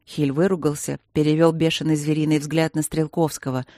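A man reading an audiobook in a steady, even scripted narration. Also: a little high, a little fast, no echo, clean studio sound.

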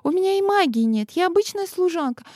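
A woman's voice: extremely high pitch, expressive, quick pace, darkish tone, no echo, studio quality, voice pushed up. A woman voicing a frightened young servant girl, pleading desperately. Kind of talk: audiobook character voice.

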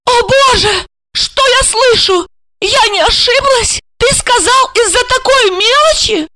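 A woman's voice: very high-pitched, measured pace, pushed and bright, dry recording, pitched above the performer's own voice, exaggerated voice. A woman voicing a hysterical young wife who screams accusations at her husband in an audiobook. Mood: hysterical fury.

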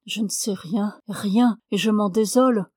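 A woman's voice: mid-range voice, a little slow, darkish tone, slightly rough, no room sound. A woman reading the part of a troubled man who has lost his memory, speaking nervously and pleading, in a dry close recording. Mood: anxious.

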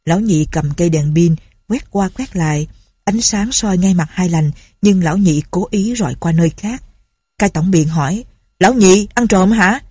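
Husky low woman storyteller. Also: normal speed, no room sound, studio quality. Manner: steady dramatic reading. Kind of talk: storybook narration.

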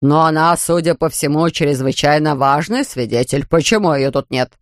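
A reader voicing a stern, pompous older male judge who speaks slowly and gruffly. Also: mid-range voice, no room sound, clean studio sound, natural voice. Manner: slow, gruff, barking.

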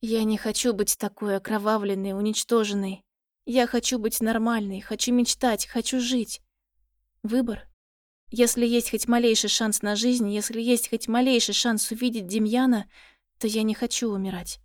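A woman's voice: a little high, steady tone, normal speed, no room sound. Dry, intimate female narrator. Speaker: audiobook narrator. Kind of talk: first-person novel narration.

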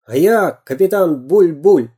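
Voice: mid-range voice, lively intonation, slow, mellow, slightly rough, pitched above the performer's own voice. Captain Bul-Bul, a blustering pirate, read aloud by a narrator. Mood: boastful. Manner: blustering, barking and mocking. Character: gruff boastful pirate captain, grown man. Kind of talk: storybook reading.

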